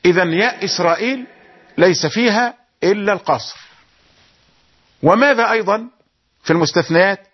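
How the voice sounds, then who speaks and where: High-voiced man teaching Quran recitation. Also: slightly rough, highs cut off. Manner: explains rules, then slowly chants example verses. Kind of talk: tajweed lesson with chanted verses.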